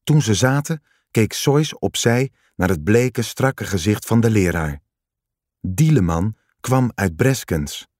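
Slow, low-voiced male storyteller. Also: expressive, a little mellow, no echo, clean studio sound. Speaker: narrator. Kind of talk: scripted narration of a story.

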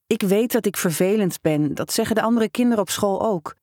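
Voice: mid-range voice, fairly quick, a little mellow, no echo, voice pushed up, close to an everyday voice. A storyteller voicing a mischievous, lonely child who teases and then turns sheepish, reading close to the mic in a dry room. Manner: teasing, giggly, then sheepish.

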